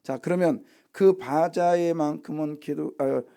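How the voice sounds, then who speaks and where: A man preaching an early morning sermon in a chatty, questioning way, with a gravelly edge to his somewhat high voice. His tone is dark and mellow, and he slips into the voices of the people he quotes as he talks. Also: measured pace. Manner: conversational, asks the congregation questions, acts out quoted voices. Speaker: pastor.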